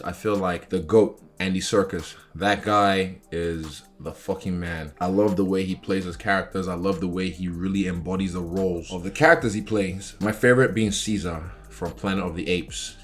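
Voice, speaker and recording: A man's voice: deep voice, fairly even intonation, moderate pace, few pauses. A young man talking casually and candidly about himself in an informal interview style, swearing freely. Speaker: professional fighter talking about his interests. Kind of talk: casual chat answering interview questions.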